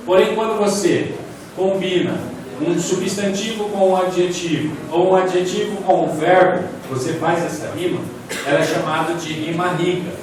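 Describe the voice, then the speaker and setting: A man giving a poetry lecture from slides, explaining step by step and asking the audience questions. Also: on the high side. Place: large echoey hall. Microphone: distant from the mic. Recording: echoey hall, distant mic, faint room noise.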